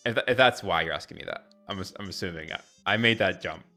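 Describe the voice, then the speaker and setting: A man's voice: sits low, quick pace, sharp tone, faint music behind. A young man from Ecuador chatting candidly on a live stream, rambling and correcting himself as he answers viewers. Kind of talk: casual live-stream chat.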